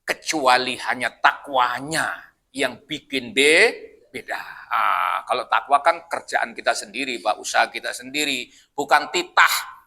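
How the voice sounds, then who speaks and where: A man's voice: mid-range voice, measured pace, vocal fry, bright, forceful tone. A man preaching at a mosque study session, joking and asking his congregation questions in a loose, conversational way. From Indonesia. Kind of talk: Quran study sermon.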